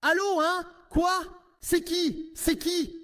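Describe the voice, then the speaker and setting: Man doing a high, shrill wife, indignant, scolding, sharp-tongued. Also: steady tone, takes it slowly, heavily acted. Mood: curt.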